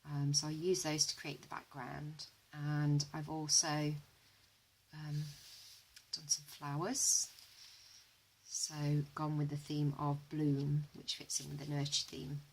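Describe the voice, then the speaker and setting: A woman talks through her art journals in a relaxed, chatty vlog, her voice hoarse and gravelly. She speaks low and fairly flat, with a faint hiss under the recording. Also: takes it slowly, low-quality recording. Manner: relaxed, chatty, with frequent ums. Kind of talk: casual flip-through narration.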